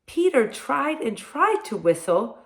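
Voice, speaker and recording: A woman hosting a read-aloud for young children like a kids' show host, talking straight to them in simple words and expressive questions. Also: sits high, slow. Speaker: kindergarten teacher reading picture books to children. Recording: echoey room sound.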